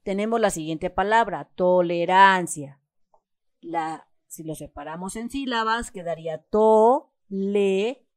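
A woman with a Mexican Spanish accent gives a step-by-step homework lesson on a schoolbook exercise, patiently stressing syllables in the example words. Her voice sits on the low side and moves a little slowly, on a dry recording.

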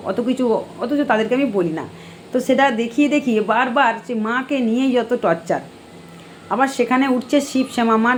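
Preachy woman scolding over faint background noise. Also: on the high side. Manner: preachy, admonishing. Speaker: live-stream host answering viewer comments. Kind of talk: casual live-stream chat.

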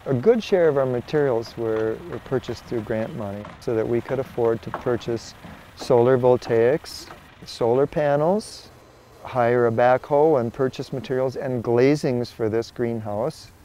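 An older man, an organic farmer, explaining his work in a documentary interview in a measured way, pausing now and then to find his words. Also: mid-range voice, dark tone, slight background noise.

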